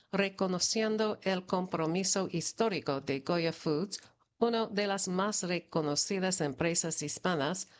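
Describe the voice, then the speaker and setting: A woman reading news items in Spanish-language community news, in an even, measured delivery of prepared copy. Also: lowish voice. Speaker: news reader. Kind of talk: read news report.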